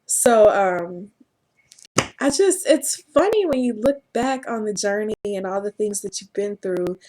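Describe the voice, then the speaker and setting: A woman telling her personal story to camera in an earnest, halting way, often laughing at herself. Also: medium pitch, animated, warm tone. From Southern United States. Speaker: vlogger.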